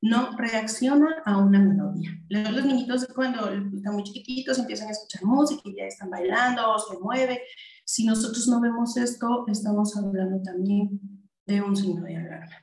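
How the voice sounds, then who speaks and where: A woman's voice: mid-range voice, normal speed, darkish tone, echoey room, poor audio. A woman with a Mexican Spanish accent giving a video conference talk as a language specialist, chatty, with many fillers and restarts. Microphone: video call.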